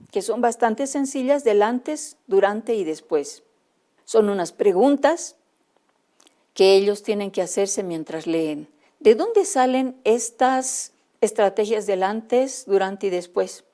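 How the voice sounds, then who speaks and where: Woman trainer, Bolivian accent, mellow and calm, clear explanatory lecture to teachers. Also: mid-range voice. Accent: Bolivian Spanish. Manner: clear, explanatory, addresses teachers directly with examples.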